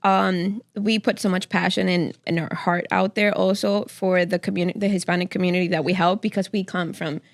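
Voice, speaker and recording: A woman's voice: on the low side, steady tone, fairly quick, hardly any pauses, dry recording, clean studio sound. A woman from the Dominican Republic co-hosting a casual podcast, speaking earnestly and often repeating herself. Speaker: podcast co-host.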